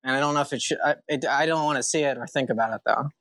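A man co-hosting a casual podcast, deadpan and halting. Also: mid-range voice, no room sound. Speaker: podcast co-host.

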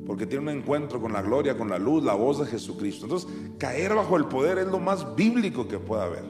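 Mexican preacher in an echoing hall. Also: male voice, medium pitch, a little fast. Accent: Mexican Spanish. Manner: animated, acts out Bible voices with sharp rises and drops. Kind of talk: sermon. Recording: echoey hall with faint music.

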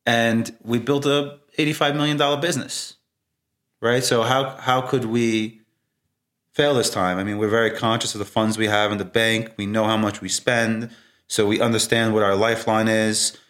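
A man answers as a guest in a conversation. His voice is a little on the low side. He talks casually and reflectively. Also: level tone, moderate pace, a bit bright. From Brooklyn, New York. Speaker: interview guest, entrepreneur.

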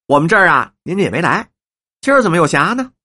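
A man voicing a smiling, chatty young male opera apprentice in a storybook reading, with a husky voice. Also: fairly high pitch, very animated, fast, pushed and bright, voice pushed up, heavily acted. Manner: friendly and chatty.

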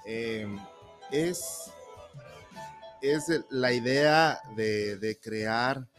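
A man from Ecuador with a highland accent, explaining his dental services as a folksy interview guest. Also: drawn-out words, over music. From Baños, Ecuador. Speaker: dentist guest.

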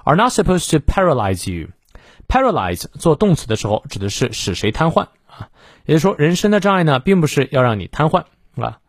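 Lively male English teacher, dry close mic. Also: a little high, fast, dry recording. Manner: animated, explains word by word and models pronunciation. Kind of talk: daily English lesson.

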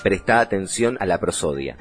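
A man with an Argentine accent giving a casual lesson on voice and imitation and explaining things in a paused way. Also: sits low, lively intonation, over music. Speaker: voice teacher. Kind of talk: informal lesson.

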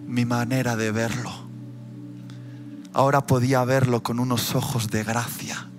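A man preaching a sermon, telling a personal story and swinging from quiet storytelling to loud, impassioned preaching. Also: mid-range voice. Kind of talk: emotional sermon testimony. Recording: music playing behind the voice.

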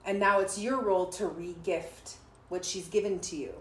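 A woman hosts a warm conversational podcast, telling a reflective story, laughing often, and thanking her guests. Her medium-pitched voice is a bit bright with fairly even intonation and a moderate pace, though the recording is low-quality and roomy.

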